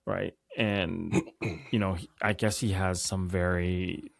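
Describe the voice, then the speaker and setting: Slow, gravelly-voiced podcast co-host man. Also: low-pitched, level tone, dry recording, clean studio sound. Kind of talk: casual podcast chat. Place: home setup in Amsterdam.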